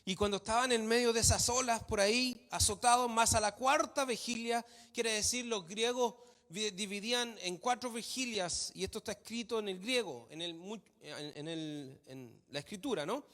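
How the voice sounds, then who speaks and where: A man's voice: high-pitched, moderate pace, a bit bright. A man preaching a sermon in a church hall, emphatic, repeating phrases for stress. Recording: long hall reverb.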